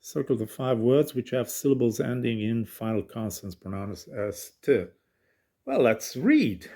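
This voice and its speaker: A man giving an informal language lesson, thinking aloud haltingly as he reads out syllables and works through exercises. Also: medium pitch, big pitch swings, warm tone.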